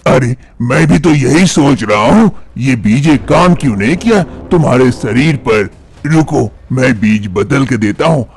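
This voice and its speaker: A man's voice: medium pitch, animated, unhurried, vocal fry, slightly rough, exaggerated voice. A man voicing a cunning old village healer in a cartoon story, talking in a reassuring, sly way.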